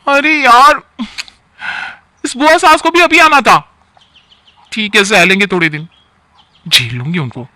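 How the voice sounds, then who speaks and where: A man's voice: on the high side, expressive, moderate pace, long pauses, sharp tone, no room sound, heavily acted. A man voicing an irritable, headstrong young wife in a storybook tale, sulky and complaining. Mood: annoyed.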